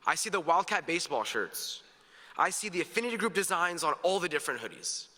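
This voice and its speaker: This teenage boy's graduation speech, earnest and upbeat with humor, rings through an echoey hall with long reverb. He talks briskly in a fairly high, very animated voice with a sharp tone.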